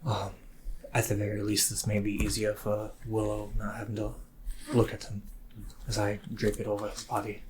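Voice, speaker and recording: A man playing a tabletop game, speaking in character softly and tentatively, with many "um"s. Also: fairly low pitch, completely flat delivery, moderate pace, slight background noise. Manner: soft-spoken and tentative, many "um"s. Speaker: player. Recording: clear music in the background.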